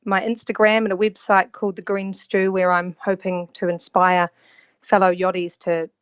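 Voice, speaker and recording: Speaking with a New Zealand accent in a clean, mid-range voice, this yacht stewardess is a guest in a casual podcast interview held over a video call. Her pitch stays fairly level and her pace moderate, and her easygoing talk includes fillers and little restarts, all on dull, dry call audio.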